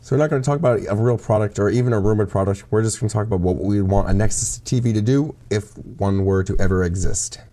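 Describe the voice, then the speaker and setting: A man co-hosting a live tech chat show, explaining news in a relaxed, easygoing way. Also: fairly low pitch, fast talker, few pauses. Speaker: co-host.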